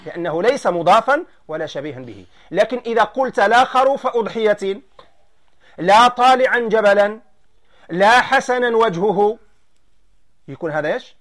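A man with a Moroccan Arabic accent teaching a grammar lesson, explaining slowly and quizzing his students. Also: high voice, expressive, fairly bright tone.

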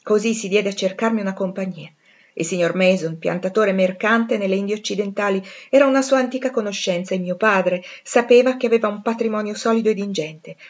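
A woman voicing a proud, passionate gentleman in an audiobook reading, intense and pleading. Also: medium pitch, fairly quick, highs cut off, natural voice. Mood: confiding.

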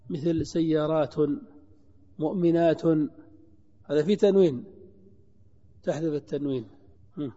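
A man with a fairly high but very mellow voice lectures on grammar, going slowly and repeating each rule as he quizzes his students. The sound is dull and muffled, with a long hall reverb around it. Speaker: teacher of Arabic grammar. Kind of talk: classroom lecture.

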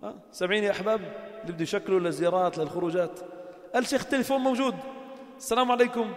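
A man's voice: high-pitched, rapid-fire. A man preaching to a gathering. He tells stories with acted-out dialogue and builds to emphatic appeals. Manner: storytelling, acts out quoted dialogue, builds to emphatic exhortation. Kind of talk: informal sermon to a gathering. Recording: echoey hall.

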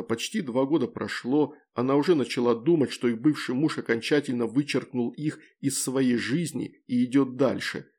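A man reading fantasy fiction aloud in an even, measured narrating voice. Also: mid-range voice. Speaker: audiobook narrator. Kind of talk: scripted narration.

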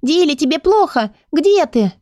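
A tiny, fretful children's book with a squeaky voice, put on by a woman narrator. She pipes up high and thin. The audiobook recording is dry and close. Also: very animated, measured pace, warm tone, no room sound. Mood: worried. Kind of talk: audiobook character voice.

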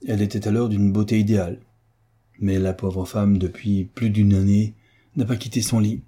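A man voicing a worldly, confident young gentleman who talks in a lively way. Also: fairly low pitch, normal speed, breathy edge.

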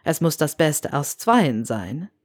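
A woman voicing a stern, cold male professor with a low, clipped, hissing delivery, in a storybook reading. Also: big pitch swings, slow pace, no echo, studio quality, heavily acted.

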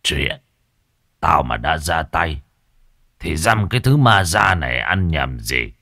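Man doing a gruff old exorcist, greedy, smug, very low slow growl, dry close sound. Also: very animated, pushed and bright, no room sound, full character voice. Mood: menacing, smug.

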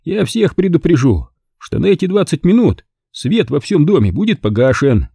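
A smug, boastful club owner full of glee, as an audiobook reader puts him on. He talks in a high, lively voice with a husky edge. The recording is dry and close. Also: normal speed, no room sound, full character voice. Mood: condescending. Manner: gleeful, condescending, boastful. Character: playful, smug middle-aged male club owner. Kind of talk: audiobook character voice.

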